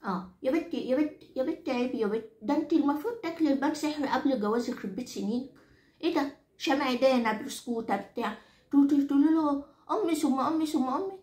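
A woman with a high, darkish, natural voice talks fast in a reverberant space. She plays a nagging Egyptian grandmother of nearly ninety, henpecked by her husband, in a comic character monologue, ranting to the audience in a scolding mood with an Egyptian Arabic accent, repeating herself and swearing exaggerated oaths.

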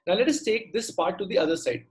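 A man's voice: high-pitched, animated, fast talker, darkish tone. A middle-aged man with a South Indian accent teaches an online class step by step, conversationally, repeating phrases and checking in with questions. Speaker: maths teacher. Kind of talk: online lesson, explaining step by step. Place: indoor room, online class on a computer.

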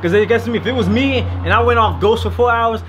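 A man's voice: very high-pitched, fast talker, a bit bright. A young man from the Washington, D.C. area talking on an outdoor porch during a casual podcast chat, giving blunt and emphatic opinions. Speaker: podcast co-host. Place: outdoor porch, small patio. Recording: outdoor noise on a camera mic.

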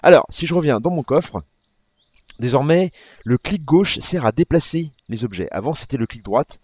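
A man's voice: on the high side, animated, normal speed, a little mellow, breathy edge. A man hosting his gaming channel, talking casually through a game update and often correcting himself as he clicks through menus. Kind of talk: casual gameplay walkthrough commentary.

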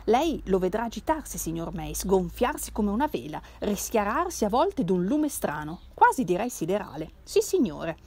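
A haughty schemer who cannot stop talking, played by a woman reading the book aloud. His lines are insistent and animated, with the pitch moving about a lot. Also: normal speed, hardly any pauses. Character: scheming man, talkative and haughty.

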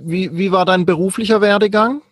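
A man hosting a podcast, introducing a guest and leading the interview in a friendly, brisk way. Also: high voice, husky, no echo, clean studio sound. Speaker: podcast host.

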